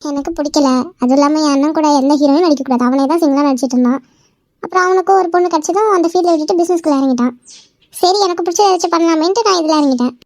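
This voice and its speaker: A woman's voice: sits high, very fast, darkish tone, dry recording, studio quality, lightly acted. A woman voicing a blunt, sassy young woman in an amateur cartoon.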